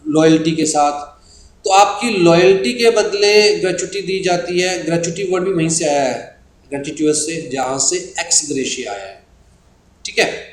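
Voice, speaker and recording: A man with an Indian English accent teaching an exam-prep lecture, explaining terms patiently and slowing down when he reads out definitions. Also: fairly high pitch. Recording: echoey room with faint hiss.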